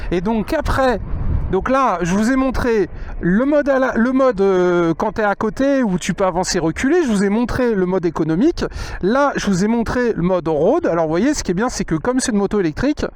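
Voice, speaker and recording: A man's voice: high-pitched, lively intonation, fairly quick. A man giving casual, informal ride-along commentary, thinking aloud, his voice muffled inside a motorcycle helmet. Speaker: motovlogger test-riding an electric motorcycle. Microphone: microphone inside the helmet.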